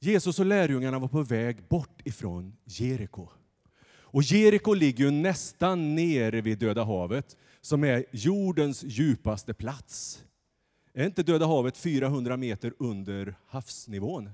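A man preaching a lively sermon from the pulpit in a church, acting out the story as he goes. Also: mid-range voice. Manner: animated, acts out the story's voices. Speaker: pastor. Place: church sanctuary. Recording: long church reverb.

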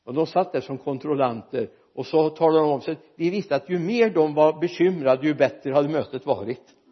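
Husky-voiced preacher man. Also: a little high, muffled recording. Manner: lively preaching, jokes with the congregation. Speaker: pastor. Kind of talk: sermon. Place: church.

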